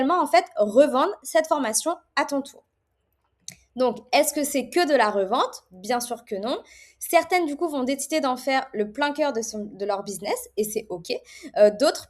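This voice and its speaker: A woman in her thirties with a fairly high voice talks straight to the viewer, presenting an online course. She is chatty and casual, with frequent fillers and restarts. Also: a little mellow.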